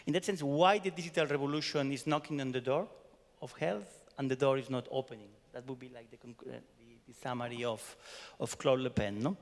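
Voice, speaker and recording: A man from Barcelona speaks Spanish with a Catalan accent at a medium pitch and a slightly quick pace. He gives a chatty conference talk summarizing a workshop, often ending sentences with "no?". The recording, made in a conference hall, carries a long reverb.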